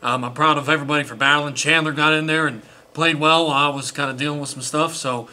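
A man's voice: on the high side, fairly even intonation, quick pace, pushed and bright. A young man, a college quarterback, answering post-game press questions earnestly, with many small restarts. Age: young adult. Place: indoor press room before sponsor backdrop.

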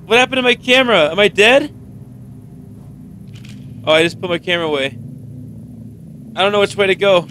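A man's voice: high-pitched, lively intonation, a little fast, long pauses, pushed and bright, slight background noise. A man in his thirties giving jumpy, sweary commentary on a horror game into a headset mic. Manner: jumpy, exclaiming, swears freely. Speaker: gaming video host.

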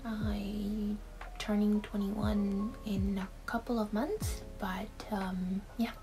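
A Taiwanese vlogger in her twenties chats casually to camera from her bedroom in a Q&A video, with frequent fillers and little laughs. Her voice is medium-pitched, steady, and slow, heard over music in a low-quality recording.

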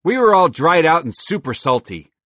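Man putting on a little male squirrel, loud, boastful, chatty, lively voice, dry sound. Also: on the high side, normal speed, no echo, voice pushed up. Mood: chatty excited. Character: chatty, bold male squirrel, small and cheerful. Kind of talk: storybook voice acting.

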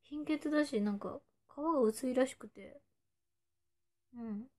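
Young female idol, twenties, slightly high voice, playful livestream chatter, drops into whispers now and then. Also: measured pace, darkish tone. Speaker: idol streaming to fans. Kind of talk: casual livestream chat reading viewer comments.

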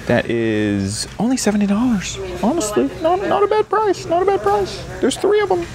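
A man vlogging casually as he walks through a large indoor antique mall, excitable and exclaiming often, recorded on a handheld camera. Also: very high voice, moderate pace. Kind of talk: casual walk-around vlog. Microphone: handheld camera held while walking.

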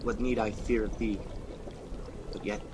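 A man's voice: fairly low pitch, level tone, unhurried, noisy background, natural voice. A man playing Macbeth, a proud and fearful king who demands answers in declamatory speech. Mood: demanding.

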